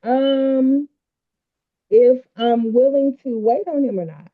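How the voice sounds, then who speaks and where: A woman's voice: high-pitched, steady tone, takes it slowly. A woman co-hosting a casual panel debate, talking frankly while her voice sounds muffled, as if heard through a wall. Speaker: podcast co-host. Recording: muffled, phone-like lo-fi mic sound.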